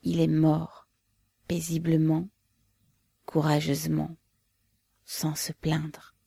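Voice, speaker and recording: A woman's voice: fairly low pitch, little pitch movement, unhurried, dark tone, no room sound. A woman reading as a grieving, trembling woman.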